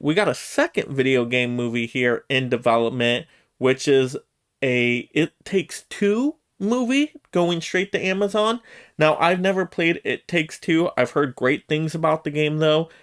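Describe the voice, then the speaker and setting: Delivering a relaxed solo roundup of movie news for YouTube, this man speaks in a smooth voice pitched a little high. He is conversational and emphatic, frequently catching himself with asides.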